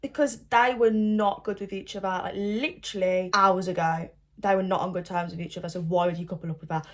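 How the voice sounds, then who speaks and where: A young woman doing casual reaction commentary on a reality show, expressive and sassy, often exclaiming in disbelief. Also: mid-range voice, brisk. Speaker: reality TV recapper.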